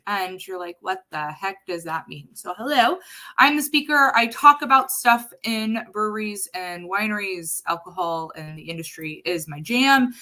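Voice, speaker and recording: A woman in her thirties from the US West Coast, an HR consultant giving a casual, chatty webinar with a sarcastic streak. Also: medium pitch. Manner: chatty and sarcastic, lively swings in loudness.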